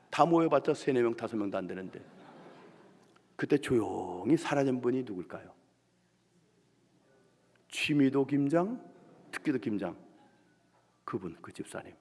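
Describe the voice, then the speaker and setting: Korean preacher, loud-to-hushed storytelling in a church hall. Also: male voice, mid-range voice. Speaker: revival preacher. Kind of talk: sermon with storytelling. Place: church sanctuary. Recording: long hall reverb in church.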